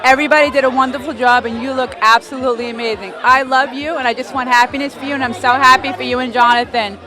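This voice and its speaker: A woman's voice: high-pitched, fairly even intonation, fast talker. A woman, a cousin of the bride, giving a gushing, emotional wedding message. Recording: music and crowd behind.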